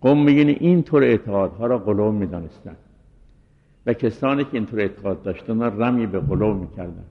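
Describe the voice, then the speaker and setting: A middle-aged man teaches a seminary class in a measured, scholarly way and recites Arabic quotations. His voice sits a little low. The recording is muffled and lo-fi, with a long hall reverb trailing after his words. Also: expressive. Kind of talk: scholarly lecture on hadith narrators.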